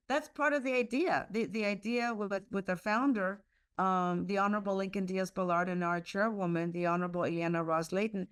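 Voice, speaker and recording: This US woman, raised speaking Spanish, leads a leadership institute and appears as a guest, answering interview questions sincerely on a video call while often restarting and using fillers. She has a medium-pitched, clean-toned voice.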